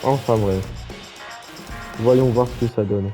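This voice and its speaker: A man's voice: medium pitch, fairly even intonation, slow, mellow, faint music behind. A man commentating a wrestling game casually, rambling and joking with many fillers.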